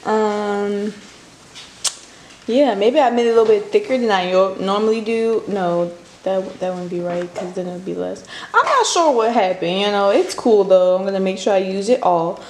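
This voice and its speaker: A woman's voice: medium pitch, expressive, normal speed, a little mellow. A woman vlogger giving a casual how-to chat, rambling with many fillers into a handheld phone. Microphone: handheld phone mic. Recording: echoey room with faint noise.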